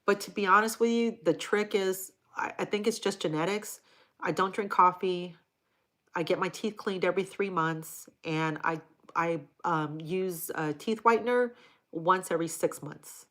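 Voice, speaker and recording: A woman's voice: fairly low pitch, normal speed, fairly bright tone. Blunt, crude woman chatting on a livestream. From Hawaii. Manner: blunt and crude, reads out viewer comments. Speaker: livestream host answering chat. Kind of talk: casual live-stream chat.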